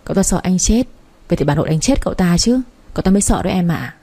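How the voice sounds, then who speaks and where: A woman's voice: lowish voice, lively intonation, fast talker, mellow. A woman reading a brash, cocky young man. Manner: boastful, teasing.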